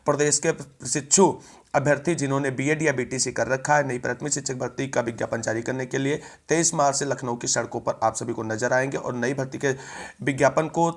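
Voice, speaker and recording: A man's voice: mid-range voice, steady tone, brisk. A man presents a news update, speaking in formal, long run-on sentences.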